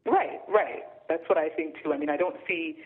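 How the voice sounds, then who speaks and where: A man calling in over a thin, tinny phone line, his voice pitched a little high. He talks casually and hesitantly, filling pauses with plenty of ums and uhs. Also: husky. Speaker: guest commentator. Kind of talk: casual opinion discussion.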